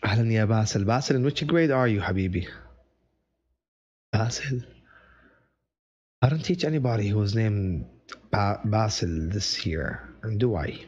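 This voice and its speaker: A man's voice: on the low side, lively intonation, a little fast, long pauses, a little mellow, slightly rough, highs cut off. A male teacher running a live online revision session, chatty and joking, greeting viewers by name and mixing in Arabic phrases.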